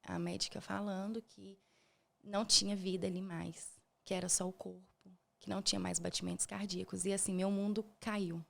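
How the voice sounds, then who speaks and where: Soft-spoken woman with a gravelly edge. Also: medium pitch, little pitch movement. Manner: soft-spoken, halting, emotional retelling. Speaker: podcast guest. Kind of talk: personal storytelling.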